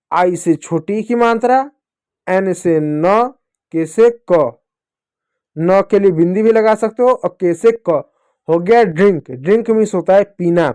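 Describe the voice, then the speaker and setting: Male kids' teacher, high voice, patient, spells each word out letter by letter. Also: darkish tone, clear, resonant tone. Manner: slow, syllable-by-syllable spelling out of words; addresses children fondly as dear kids. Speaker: English teacher for children. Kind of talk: phonics lesson for kids.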